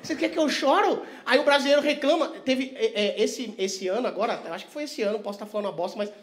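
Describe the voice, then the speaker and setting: A male stand-up comedian works the crowd, teasing and swearing, swinging from quiet asides to loud laughing bursts. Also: very high-pitched, fast. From Vitória, Brazil. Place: comedy stage before a live audience.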